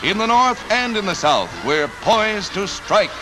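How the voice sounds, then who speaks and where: A man's voice: sits high, sing-song, measured pace, noisy background. A man narrating a 1940s newsreel with a punchy announcer delivery and wry quips. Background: music score.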